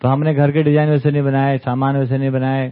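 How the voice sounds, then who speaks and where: A fast-talking man with a medium pitch and level tone addresses a study group at camp, keeping it conversational with frequent little tag questions. He's in a camp hall with an audience, and the audio has a tinny phone sound.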